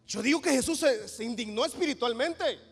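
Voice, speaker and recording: A man preaching a Pentecostal sermon as pastor, animated, with joking asides and loud proclamations. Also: extremely high pitch, fairly quick, vocal fry, breathy edge. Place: church. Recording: reverberant church hall.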